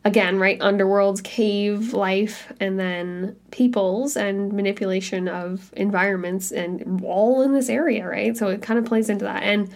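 A woman's voice: medium pitch, fairly even intonation, measured pace, hardly any pauses. A woman co-hosting a podcast in casual chat, skeptical and giggly, with lots of "like" fillers. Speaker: podcast co-host.

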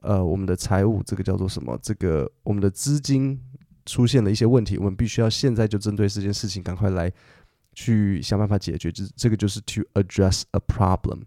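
A middle-aged man teaches English on a podcast, taking each point slowly with fillers and small self-corrections. His voice is low, gravelly and mellow. The sound is dry and close to the mic. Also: no echo. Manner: patient and explanatory, with frequent fillers and self-corrections. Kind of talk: podcast language lesson, explaining in detail.

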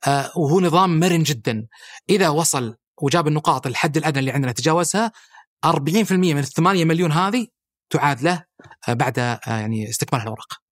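A man's voice: a little high, lively intonation, racing, no room sound, clean studio sound. A middle-aged man with a Saudi accent, explaining as a guest in a podcast interview, fluent and listing points with frequent hesitation sounds. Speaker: guest, head of a national film body.

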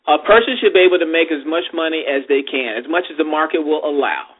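A male podcast host chats and argues casually. His voice is a bit high and rough-edged with huskiness. It comes through narrow and tinny, like a telephone. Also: quick pace. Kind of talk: casual debate and chat. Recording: thin phone-like radio sound.

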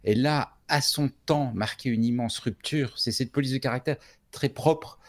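A man's voice: mid-range voice, normal speed. Chatty man explaining at length. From Switzerland. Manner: explanatory, many fillers and restarts. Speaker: podcast co-host. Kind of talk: casual tech podcast chat.

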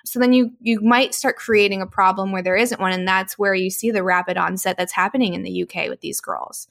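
A woman hosts a casual interview conversation. She lays out her points in a measured way and often ends them with a quick tag question. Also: mid-range voice, fairly even intonation, vocal fry, fairly bright tone. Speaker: host.

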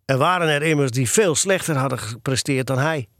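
A man narrating a children's story in a calm, even reading voice. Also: mid-range voice, fairly quick, dry recording, studio quality. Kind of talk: audiobook storytelling.

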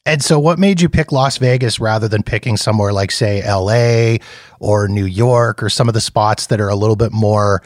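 A man's voice: on the low side, normal speed, no echo, clean studio sound. A man hosting a podcast interview over a video call, asking rambling questions with many restarts. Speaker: podcast host.

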